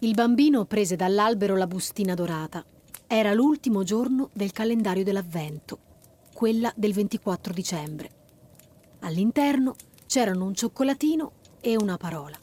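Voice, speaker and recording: A woman reading a children's story aloud, lively and expressive. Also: medium pitch, moderate pace.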